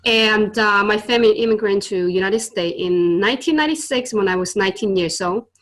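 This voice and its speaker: Brisk and a bit bright, a woman with a mid-range voice earnestly tells stories as a guest in a casual interview. A tutor and business owner who was born in Vietnam and raised in China, she has Chinese and Vietnamese as first languages and speaks with many fillers and non-native grammar.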